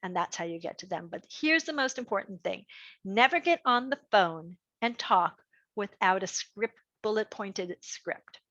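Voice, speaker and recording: Animated woman presenter, lively delivery. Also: mid-range voice, measured pace, dry recording, highs cut off. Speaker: fundraising workshop presenter. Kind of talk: online workshop presentation.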